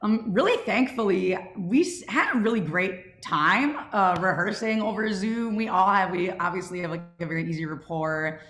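Her medium-pitched voice, a bit bright, runs at a moderate pace with hardly any pauses, and the sound is reverberant. She's a young woman from a student audio drama club, casually hosting a Q&A over a group video call from her home on a call microphone.

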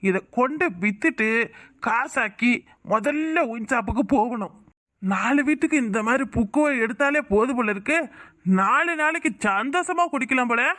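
A man's voice: very high-pitched, lively intonation, moderate pace, pushed and bright, full character voice. A man playing a slurring drunk village father. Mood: greedy. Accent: southern Tamil Nadu. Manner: slurred, drawling and wheedling. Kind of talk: cartoon voice acting.

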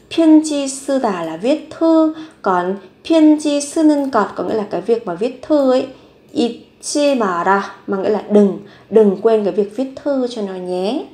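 Woman teaching words slowly. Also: fairly high pitch, a little mellow. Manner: slow, careful repetition of each word. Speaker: Korean language teacher. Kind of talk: vocabulary lesson with repeated example sentences. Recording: echoey room.

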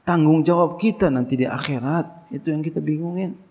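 Male preacher, gravelly, colloquial question-and-answer lecture, muffled low-fi audio. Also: a little fast, a little mellow. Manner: colloquial, call-and-response questions. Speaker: pesantren teacher. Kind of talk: casual religious lecture. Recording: dull lo-fi lecture recording.

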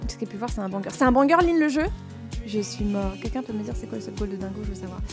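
A woman streamer chatting casually while playing a game, excitable and slangy, laughing often and thanking her chat. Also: mid-range voice, racing, creaky. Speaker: Twitch streamer. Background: faint game music.

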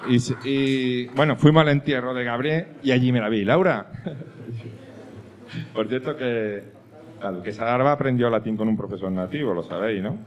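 A man performs a stand-up comedy monologue at a mid pitch. He swings from quiet, muttered asides to loud, punchy lines as he tells his story. The recording sounds a little dull and lo-fi. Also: moderate pace. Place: comedy club stage with audience. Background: audience laughter.

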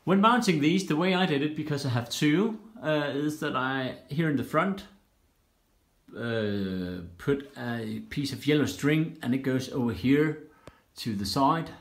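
A man casually walking through his home cockpit build, explaining each step plainly with frequent "uh" pauses, filmed on a handheld phone. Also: medium pitch, expressive. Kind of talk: casual build-log walkthrough. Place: indoors in a home workshop room. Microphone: handheld phone camera. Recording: roomy echo in a bare room.

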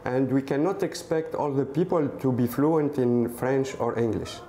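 A man's voice: mid-range voice, a little slow, noisy background. A man in his forties with a Tunisian accent, answering in an interview as a startup co-founder.

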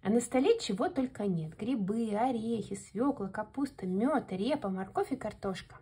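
A woman reading a bedtime fairy tale aloud in an expressive, gentle storytelling manner. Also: fairly high pitch, moderate pace, breathy edge.

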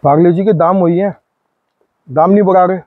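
A man's voice: high voice, fairly even intonation, fairly quick, narrow, tinny audio. A man in his forties chatting casually to viewers and friends while camping outdoors by a river in a forest, recorded close on a handheld phone. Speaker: vlogger. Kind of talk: casual camping vlog narration. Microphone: phone camera held close.

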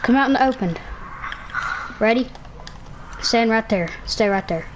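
A woman's voice: a little high, a little slow, noisy background. Young woman gamer, playful trash talk. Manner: playful trash talk with sound-effect noises. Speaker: gamer streamer. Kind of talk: casual gameplay commentary.

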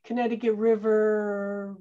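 A woman heading the town's parks and recreation staff speaks slowly in a warm, level, medium-pitched voice while taking questions at an informal meeting. She's on a video call from her home office and sometimes falters and restarts. The sound quality is dull.

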